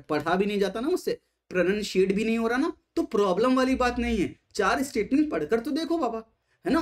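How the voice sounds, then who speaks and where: A man teaching exam strategy, speaking emphatically, asking rhetorical questions and mixing English terms into his Hindi. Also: sits high.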